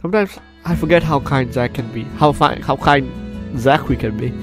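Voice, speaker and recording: Still recovering from the flu, this gaming host reads the on-screen text and reacts theatrically, repeating phrases as he goes. His mid-range voice is brisk, with game music in the background of his let's play commentary.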